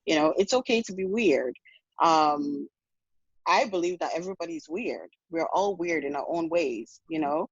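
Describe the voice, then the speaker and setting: A woman's voice: sits low, normal speed, breathy edge, no echo, muffled recording. A woman from Ghana, speaking frankly in a casual podcast conversation, often restarting and adding "you know". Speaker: podcast guest.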